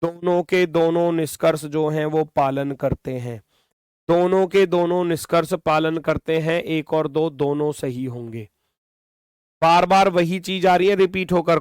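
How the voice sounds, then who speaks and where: Here a male instructor of an online reasoning course speaks with a high, smooth, resonant tone, repeating every step and now and then telling off his students. The audio is close and dry.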